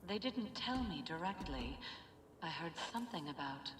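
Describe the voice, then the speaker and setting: A woman's voice: lowish voice, lively intonation, normal speed, reverberant, in a large hall, noisy background, lightly acted. A woman playing an earnest, cautious novice scholar in a video game, polite and formal. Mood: hesitant, concerned. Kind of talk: scripted game acting.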